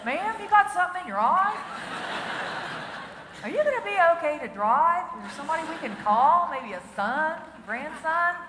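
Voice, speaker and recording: A woman's voice: sits high, very animated, normal speed, voice pushed up. A woman doing a patronizing young traffic cop. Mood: mock concern. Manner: overly solicitous, talking down. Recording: echoey hall with faint noise.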